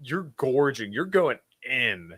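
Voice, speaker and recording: A man's voice: medium pitch, sing-song, takes it slowly, fairly bright tone, husky. A man on a casual podcast who teases his friend in a hesitant, stammering way. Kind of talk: casual banter among friends.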